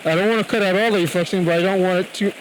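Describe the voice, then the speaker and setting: A man with a fairly high-pitched voice talks through his camera work in a casual, on-location vlog style. He is outdoors beside a rushing river, raising his voice over the sound of the water behind him. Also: steady tone, low-quality recording. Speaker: photography vlogger. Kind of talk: casual on-location photography tutorial. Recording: loud rushing stream noise.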